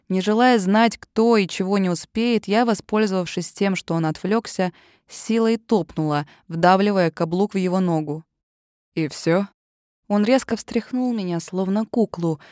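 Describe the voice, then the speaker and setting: A woman narrating a first-person fantasy story with expressive, tense storytelling. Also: mid-range voice, no echo, studio quality. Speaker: audiobook narrator.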